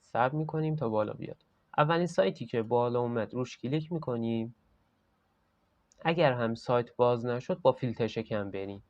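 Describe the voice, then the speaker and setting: A man's voice: mid-range voice, no room sound, lo-fi sound. A man hosting a screen-recorded tech tutorial, explaining each step in a casual, chatty way.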